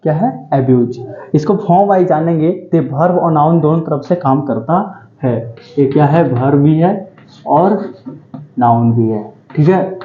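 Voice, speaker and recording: A man's voice: fairly high pitch, a little slow. Male tutor, repetitive drilling delivery, echoey lo-fi room. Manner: repetitive, drilling each word with "ठीक है" and self-questions. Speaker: English vocabulary teacher. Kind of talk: exam-prep vocabulary lecture. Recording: roomy, dull lo-fi sound.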